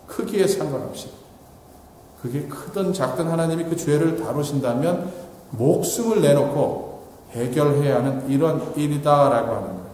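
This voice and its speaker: A pastor, a man with a slightly raised voice, preaches in a long, echoing hall. He questions his listeners and answers himself. He climbs in pitch to stress a point, then sinks low and quiet. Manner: asks the congregation questions and answers them himself; rises in pitch for emphasis and drops low and soft at the ends of points. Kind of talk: sermon.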